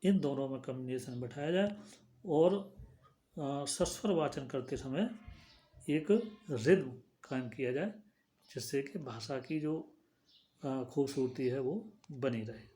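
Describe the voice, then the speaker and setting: A man teaching a class, explaining slowly and deliberately with pauses, in a classroom lecture. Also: medium pitch, dark tone.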